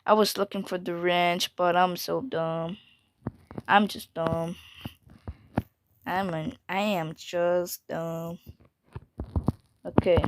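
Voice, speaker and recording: A woman giving casual game commentary, calling herself dumb and swinging from whispers to sudden yells. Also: on the low side, heavy background noise. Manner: self-mocking, jumpy, drops into whispers and sudden yells. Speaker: gamer.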